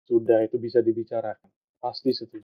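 A man's voice: mid-range voice, monotone, fast talker, no room sound, lightly acted. A man playing a flirtatious married doctor who dodges questions with sighs and hesitation, in an amateur skit. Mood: flirty. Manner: evasive, sighing, hesitant. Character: flirtatious married male doctor, evasive and weary. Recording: tinny phone-like lo-fi sound.

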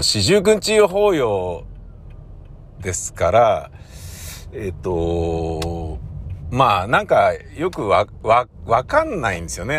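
A man hosting his own channel, rambling in a casual, self-mocking monologue from inside a car. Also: a little hiss or hum. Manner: rambling, self-mocking, lively pitch swings. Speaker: channel host.

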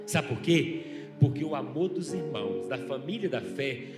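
A middle-aged man, a pastor, preaching a sermon with passion, swinging between loud and soft. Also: medium pitch, lively intonation, normal speed. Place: church. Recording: echoey church hall with music.

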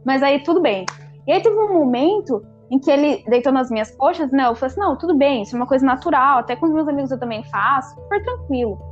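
Young female host, high and quick, chatty storyteller; lo-fi recording. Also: faint music behind. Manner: animated, lots of fillers and quoted dialogue. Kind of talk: casual storytelling chat with friends.

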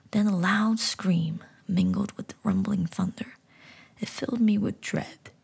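A woman's voice: mid-range voice, gravelly, slightly rough. A woman narrating a first-person horror story entirely in a whisper. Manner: whispering throughout.

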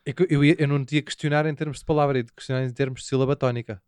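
A man's voice: medium pitch, fairly even intonation, rapid-fire, a little mellow, smooth, no room sound. A man with a European Portuguese accent co-hosting a podcast, reading listener comments aloud and arguing back in casual banter. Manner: reads listener comments aloud, laughs often, argues back. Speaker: podcast co-host.

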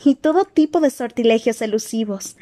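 Una mujer que lee un audiolibro y pone la voz de una joven bruja lista e impaciente, aguda y apresurada. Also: female voice, on the high side, mellow, close to an everyday voice. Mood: anxious. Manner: quick, anxious, insistent. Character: eager clever teenage witch girl. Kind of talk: audiobook character voice.

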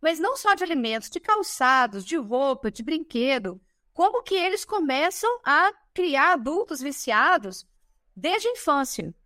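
A Brazilian woman in her thirties guests on a podcast, chatting casually at an unhurried pace. Her voice is high-pitched, she's animated and talkative with frequent "né?" tags, and the clean studio recording carries no echo.

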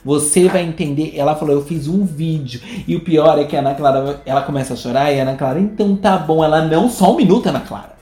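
A podcast co-host with a Brazilian Portuguese accent trades casual gossip, animatedly telling stories and acting out the quoted voices of the people in them. His fairly high voice moves fast with hardly any pauses, in an echoey room.

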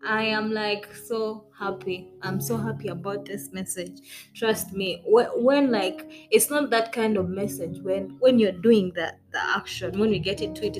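A woman's voice: mid-range voice, poor audio. Bubbly woman hosting a faith podcast. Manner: bubbly and effusive, laughing often. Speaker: podcast host. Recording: clear background music under voice.

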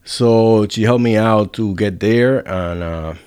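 A man's voice: on the low side, takes it slowly, darkish tone, clean tone. A man in his forties from Puerto Rico with a Puerto Rican accent, a chef and restaurant owner chatting as a guest, modest and a little nervous. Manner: modest, brief answers, a bit nervous. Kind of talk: casual interview chat.

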